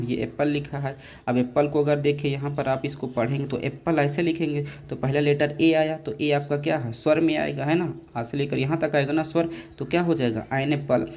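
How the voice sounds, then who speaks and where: A man with a darkish voice on the high side teaches exam grammar against slight background noise. Over and over he asks questions and answers them himself, refers to his students as dear children, and lengthens English words slowly.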